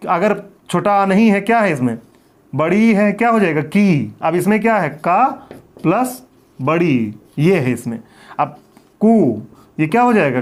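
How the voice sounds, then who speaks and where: A man with a high-pitched voice gives a grammar lecture. He keeps asking rhetorical questions and answering them himself. He repeats each rule patiently, like a classroom teacher.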